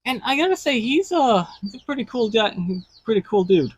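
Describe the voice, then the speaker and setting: A woman in casual chat, relaxed, nudging the conversation back on topic. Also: fairly high pitch, a little fast, breathy edge, no echo. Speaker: podcast co-host.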